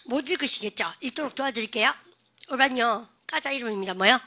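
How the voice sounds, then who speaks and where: A woman English teacher giving a lively classroom lecture, calling on the class again and again and drilling phrases aloud. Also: on the high side, fast.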